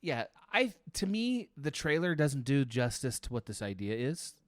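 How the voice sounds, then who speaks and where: A man chatting casually about films on a podcast in a reserved, measured, hedging manner. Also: mid-range voice, very animated, dry recording, studio quality. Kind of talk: casual film podcast chat.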